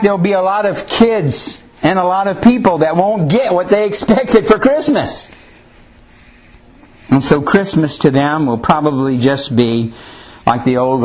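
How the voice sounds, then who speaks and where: A man preacher reading scripture aloud and telling a story in an earnest sermon. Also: a little high. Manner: earnest storytelling with acted quotes.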